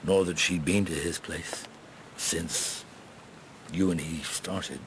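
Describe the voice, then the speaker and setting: An actor in a radio drama playing an avuncular, world-weary middle-aged police inspector who speaks in a measured, halting way. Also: male voice, low-pitched, steady tone, fairly bright tone, slight background noise, full character voice. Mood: grave, deliberate.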